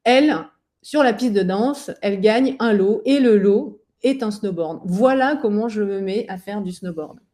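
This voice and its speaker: A woman's voice: mid-range voice, measured pace, warm tone. A woman in her forties from southern France giving a conversational webinar talk, chatty and anecdotal, with frequent hesitations. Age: 40s.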